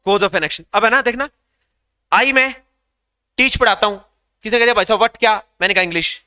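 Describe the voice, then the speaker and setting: A man's voice: high voice, normal speed, sharp tone, smooth, dry recording, clean studio sound. A man teaching an English grammar class to students, asking questions and repeating the answers back.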